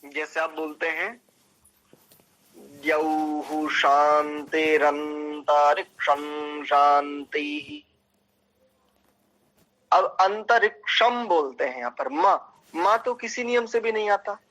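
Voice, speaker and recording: A man teaching Sanskrit pronunciation in an online class, slowly drawing out syllables and chanting verses. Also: high voice, expressive, bright, forceful tone, rough recording. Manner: slow, deliberate, drawn-out chanting of syllables. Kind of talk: online class lecture with mantra recitation.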